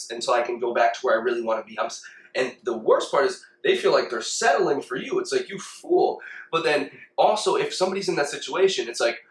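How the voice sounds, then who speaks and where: A man's voice: mid-range voice, a bit bright. Male podcast co-host, conversational and questioning, echoey room sound. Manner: questioning, builds points with examples. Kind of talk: casual chat.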